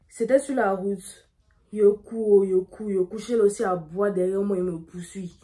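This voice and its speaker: A young woman, telling a dramatic story in a lively way while doing her makeup. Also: medium pitch. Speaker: beauty vlogger.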